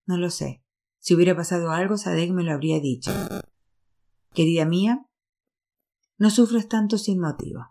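A woman reading aloud as a kindly older housekeeper, gentle and reassuring. The voice is low and mellow, read in an unhurried audiobook manner.

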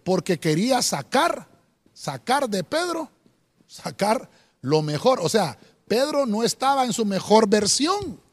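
A man's voice: high-pitched, big pitch swings, measured pace. A man preaching a sermon as pastor, speaking directly to the listener and often adding "hermano". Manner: preaching with rising emphasis, repeated "hermano".

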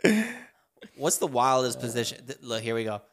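A man's voice: mid-range voice, sing-song, normal speed. A man co-hosting a casual podcast, joking and laughing a lot as he moves the talk from topic to topic. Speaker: podcast co-host steering topics.

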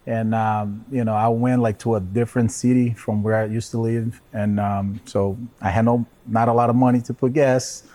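A man from Brazil chatting casually as an interview guest, in a hesitant, halting way. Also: mid-range voice, steady tone, warm tone. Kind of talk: casual chat.

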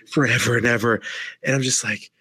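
A man who works as a nurse, co-hosting a podcast in casual chat, telling stories in an animated way and acting out exasperated exclamations. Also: mid-range voice, a little fast, crowd noise. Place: home, dog nearby.

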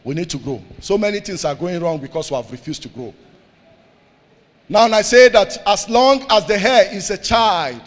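A pastor preaching a sermon, calling out questions for the congregation to answer and repeating key lines, swinging between loud declarations and soft asides. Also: male voice, high-pitched, expressive, normal speed, long reverb tail.

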